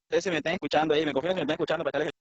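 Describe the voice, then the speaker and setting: A man's voice: a little high, fairly even intonation, racing. Man on a choppy breaking-up video call. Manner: hesitant, keeps checking he is heard. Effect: choppy online call audio breaking up. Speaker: workshop student. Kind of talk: answering a teacher on a video call. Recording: dull lo-fi call audio.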